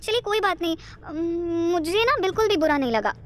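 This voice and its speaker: A woman's voice: extremely high pitch, very animated, a little fast, fairly bright tone, voice pushed up, full character voice. A woman voicing a bubbly young woman who talks nonstop and breezily insists she rarely speaks. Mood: chatty, breezy. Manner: nonstop talker, innocent and breezy. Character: chatty bubbly young woman, new employee.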